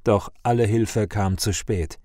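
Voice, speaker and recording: A man narrating a scripted fantasy story in a measured, dramatic way. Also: lowish voice, steady tone, darkish tone, no room sound, clean studio sound.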